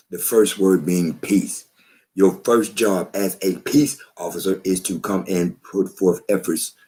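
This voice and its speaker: A man's voice: low voice, darkish tone. A man talking to camera in a preachy, emphatic way, often repeating himself. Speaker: vlogger. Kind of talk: slow spoken commentary to camera.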